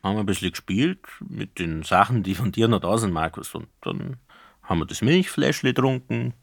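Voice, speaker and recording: A man's voice: fairly low pitch, expressive, normal speed, no echo, clean studio sound, pitched above the performer's own voice. A man voicing a flustered grandfather inspector who grumbles sheepishly. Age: older. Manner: gruff, sheepish dialect grumbling. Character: flustered middle-aged male police inspector, grandfather.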